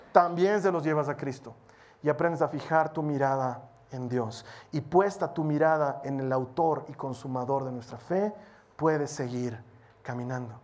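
An earnest preacher delivers a sermon in a mid-pitched voice. The delivery is exhorting, sometimes rushing ahead and sometimes slowing down to stress a point. Short prayers and bits of dialogue are acted out along the way. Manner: earnest, exhorting, speeds up and slows down for emphasis.

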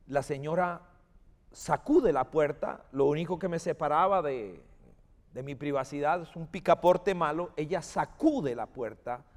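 Slow animated preacher man, hall reverb. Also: a little high. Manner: animated storytelling, calls for amens. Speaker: pastor. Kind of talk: sermon.

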